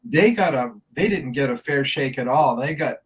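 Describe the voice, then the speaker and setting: A man's voice: medium pitch, animated, normal speed, rough recording. A man in his seventies, a band member being interviewed, telling a long anecdote in a rambling, chatty way. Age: 70s. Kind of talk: casual interview storytelling.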